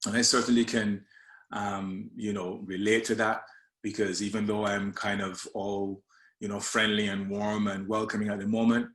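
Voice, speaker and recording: A man's voice: fairly low pitch, little pitch movement, normal speed, fairly bright tone, reverberant. A man from Barbados, a coach giving a friendly leadership presentation with slides, often hesitating with fillers and restarts.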